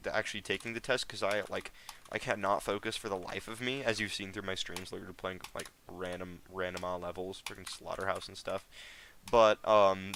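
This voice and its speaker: On his game stream, an American teenager rambles casually to viewers with lots of slang. He has a fairly low, slightly bright voice, and there is slight background noise.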